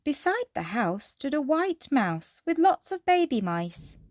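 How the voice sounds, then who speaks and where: A woman reading a children's storybook aloud in an expressive, measured fairy tale opening manner. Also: high-pitched, no echo, studio quality.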